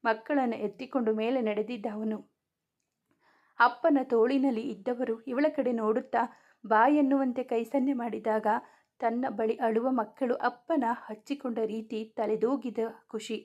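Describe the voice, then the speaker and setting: A woman narrating a serialized romance story in a steady, even storytelling voice. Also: on the high side, normal speed, lo-fi sound.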